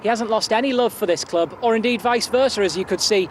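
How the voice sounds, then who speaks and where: A man's voice: high-pitched, fast talker, slight background noise. A man presenting and reporting on sport for television, with a polished, upbeat broadcast delivery and light banter.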